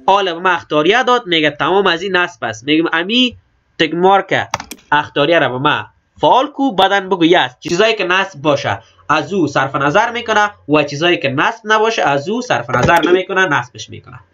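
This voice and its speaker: High, bright-voiced Afghan Dari man teaching. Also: expressive, slight background noise. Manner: plain, repetitive explaining of each click. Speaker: computer instructor. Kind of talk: step-by-step screen tutorial. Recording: slightly dull lo-fi recording.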